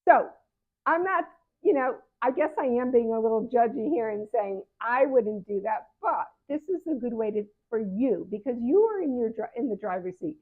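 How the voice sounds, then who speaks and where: Speaking to camera over a narrow, phone-like recording, a seventy-year-old patient advocate offers her viewers candid, conversational advice. Her voice sits on the high side, expressive and moderately paced, and she frequently stops to correct herself mid-sentence.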